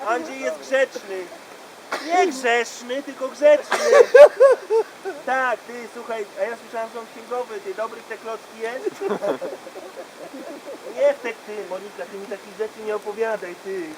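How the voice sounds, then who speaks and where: At a bachelor party, a comedian performs a live monologue as a gossipy, crude woman on the phone, rambling with fillers and puns. His voice is pushed extremely high, with fairly even intonation and an unhurried pace, and the rough recording picks up crowd noise.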